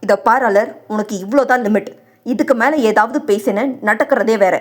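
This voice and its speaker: A woman's voice: on the high side, normal speed, close to an everyday voice. A woman voicing an angry young husband who scolds harshly in an audio novel. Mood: furious.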